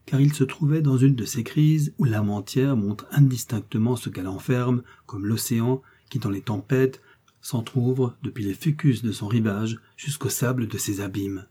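A man narrating a classic novel in a measured, steady audiobook reading. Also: mid-range voice, slightly rough. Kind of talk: scripted literary narration.

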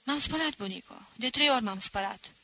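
Casting: a respectful young nephew, eager and polite, voiced by a woman reader, bright voice. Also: fairly high pitch, expressive, no room sound, voice pushed up, full character voice. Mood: earnest. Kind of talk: audiobook reading.

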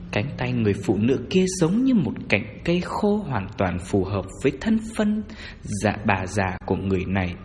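Sex: man. Role: storyteller. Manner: lively, dramatic. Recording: faint reverb, light hiss. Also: medium pitch. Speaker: narrator. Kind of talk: scripted audiobook narration.

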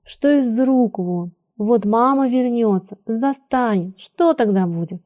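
A woman's voice: on the high side, takes it slowly, mellow. A woman voicing a stern but caring old nanny who scolds reproachfully. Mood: scolding.

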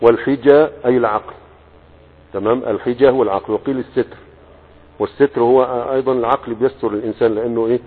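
A man's voice: mid-range voice, fairly even intonation, quick pace. A man with an Egyptian Arabic accent teaching a classical Arabic morphology text. He reads lines from the book, then explains them in colloquial asides and keeps checking that the students follow. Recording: husky voice, echoey hall, phone-like band.

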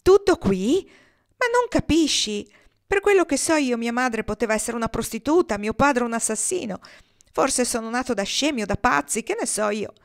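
A woman's voice: mid-range voice, moderate pace, darkish tone, natural voice. A woman reading the part of an insecure, anguished man in an audiobook, with raised, agitated delivery.

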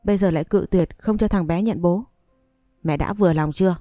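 A woman's voice: on the low side, a little fast, warm tone, no room sound, studio quality, soft background music, close to an everyday voice. Woman voicing a stubborn heartbroken young man. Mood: pleading.

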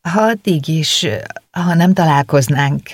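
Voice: mid-range voice, no echo, pitched above the performer's own voice, lightly acted. A reader doing an earnest, shy teenage girl.

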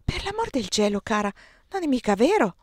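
A woman reading aloud, voicing a chatty, excitable young queen in high, animated tones. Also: dry recording, studio quality. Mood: excited chatter. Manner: quick, animated, raised.

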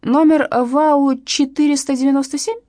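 A woman voicing a gloating, creaky-voiced old male newspaper seller in an audiobook. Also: sits high, fairly even intonation, moderate pace, warm tone, dry recording, clean studio sound, pitched above the performer's own voice, close to an everyday voice.

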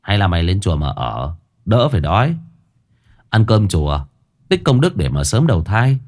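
A man voicing a blunt, impatient young exorcist in a lowered voice. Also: sing-song, normal speed, darkish tone, exaggerated voice. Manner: curt, impatient.

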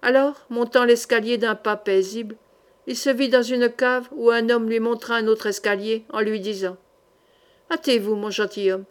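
Woman narrating with measured drama. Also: a little high, fairly even intonation. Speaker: audiobook reader. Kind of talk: scripted narration of a historical novel.

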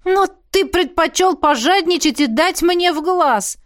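A man's voice: very high-pitched, fairly quick, a bit bright, no echo, studio quality. A woman reading an audiobook, voicing a cheeky young male elf thief who squabbles indignantly. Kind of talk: audiobook character voice.

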